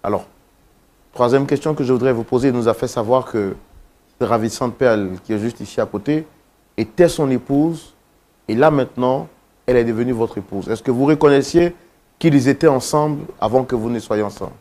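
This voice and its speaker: An actor playing a talk-show host who asks formal, measured questions of his guests. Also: mid-range voice, a little mellow, lightly acted. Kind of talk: staged talk-show interview.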